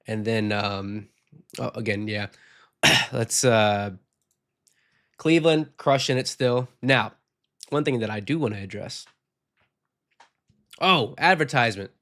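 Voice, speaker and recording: This podcast host's voice is on the low side and a bit bright, and he speaks slowly with frequent pauses. Sick and losing his voice, he rambles through a casual postgame show, reading out viewer comments and offering blunt takes.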